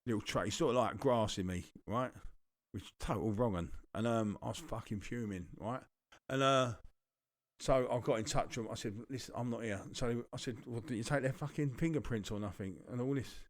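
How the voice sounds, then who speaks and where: Speaking fairly quickly in a medium-pitched voice with no echo, a man with a London accent co-hosts a podcast. He spins a long, meandering story with lots of swearing during a casual chat.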